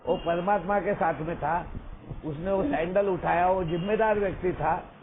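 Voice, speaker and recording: A man talks through a tinny, phone-like line with a faint hiss underneath. His voice sits fairly high for a man. He tells a long story in an earnest, unhurried way and keeps checking that his listener is still with him. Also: steady tone. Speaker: recovery sponsor sharing. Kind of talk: storytelling over a phone call.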